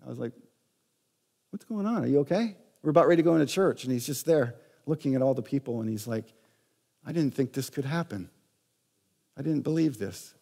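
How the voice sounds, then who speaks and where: A man's voice: mid-range voice, brisk, gravelly, mellow. Male pastor preaching in a reverberant hall. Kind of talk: sermon. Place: church sanctuary.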